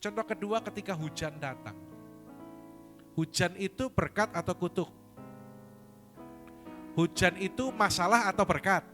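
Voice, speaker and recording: Animated male pastor preaching, lilt. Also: unhurried, long pauses, soft background music. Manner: conversational preaching, animated rises in pitch and volume. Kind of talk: sermon. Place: church sanctuary.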